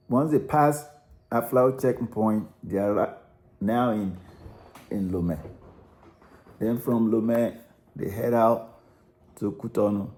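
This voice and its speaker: A man's voice: on the low side, mellow. A man with a Nigerian accent, talking through a route in loose, rambling commentary, often restarting and repeating words. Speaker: narrator analysing a song. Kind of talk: unscripted spoken commentary.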